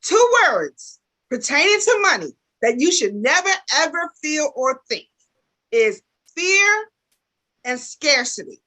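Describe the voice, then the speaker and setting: A woman guest on a live money chat, talking a little funny because of a dental retainer, animated and acting out little dialogues. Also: high-pitched, slow, rough recording. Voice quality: slightly impeded speech from a dental retainer. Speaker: guest panelist. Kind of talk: casual panel chat.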